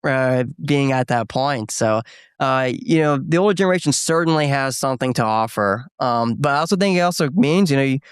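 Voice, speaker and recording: A man's voice: medium pitch, expressive, brisk, clear, resonant tone, dry recording. A man in his twenties, a guest in a studio conversation, speaking thoughtfully and searching for his words. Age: 20s. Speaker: guest, young political activist.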